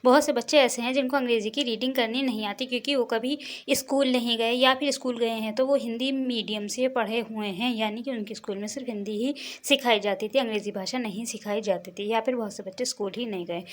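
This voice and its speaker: A woman's voice: on the high side, fast talker. A young woman, a teacher patiently explaining English words and spelling them out letter by letter.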